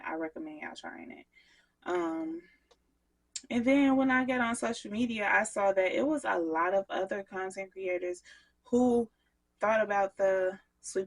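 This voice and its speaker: A woman's voice: lowish voice, poor audio. A woman soap maker chatting casually to her viewers while she works on a craft vlog. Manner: chatty, talks straight to viewers.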